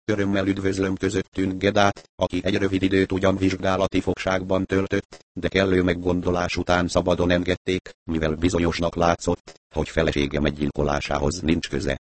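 A man voicing a composed, courteous male detective who speaks in measured, formal sentences. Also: deep voice, monotone, no room sound, lightly acted. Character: composed male amateur detective, deliberate and polite.

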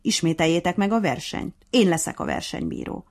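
A woman's voice: on the low side, animated, a little mellow. A woman voicing a fair-minded but bossy male hare acting as referee in a storybook tale, speaking in a strict, commanding way.

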